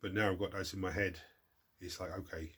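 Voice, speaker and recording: Deep, flat and brisk, his voice is a bit bright and slightly rough. The man runs a hobby channel and chats loosely through viewers' questions while congested with a cold, meandering, self-interrupting and restarting his words.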